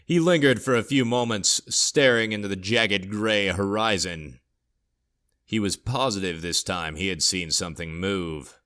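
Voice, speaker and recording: A man narrating a scripted horror story in a steady, low storytelling voice. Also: measured pace.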